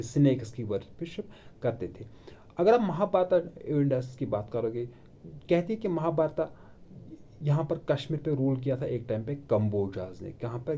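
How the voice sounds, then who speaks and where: This online history lecture for exam preparation comes from a coaching teacher whose voice is fairly high and mellow. Speaking Hindi with English terms mixed in, he works through self-posed questions and repeats the essential terms.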